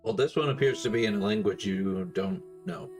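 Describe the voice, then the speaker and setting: Man as dungeon master, casual and unhurried, low and animated tone, soft music behind him. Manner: relaxed, casual, many fillers. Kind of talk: running a tabletop game.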